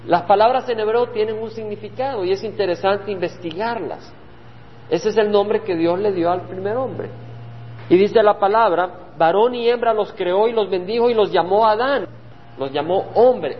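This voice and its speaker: A man pastor leading a Bible study sermon, earnestly repeating key phrases for emphasis. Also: sits high. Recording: dull lo-fi sound with hall reverb and faint hum.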